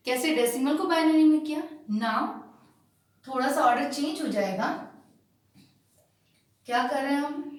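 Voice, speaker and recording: A woman teacher who explains a lesson step by step, often asking checking questions and answering them herself. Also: fairly high pitch. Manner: slow and emphatic when spelling out digits. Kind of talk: classroom lesson on binary numbers. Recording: echoey room, far from the mic.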